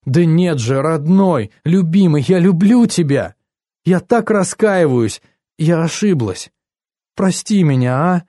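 A man's voice: fairly high pitch, normal speed, warm tone, no room sound, studio quality, pitched above the performer's own voice, close to an everyday voice. Man voicing a pleading, two-faced young woman. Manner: emotional, pleading then indignant. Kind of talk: audiobook character voice.

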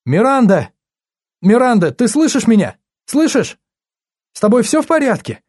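A man's voice: very high-pitched, very animated, normal speed, darkish tone, dry recording, clean studio sound, pitched above the performer's own voice, full character voice. A man voicing a frightened young woman on the edge of tears, crying out in panic. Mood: pleading. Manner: pleading, panicky, rising to cries.

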